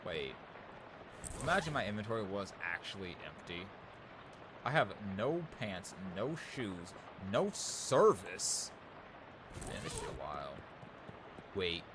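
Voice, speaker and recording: A man's voice: deep voice, big pitch swings, a little slow, pauses often. A young man playing a game, reading its text aloud with casual commentary, swearing and surprised asides. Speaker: let's play gamer. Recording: noticeable background noise.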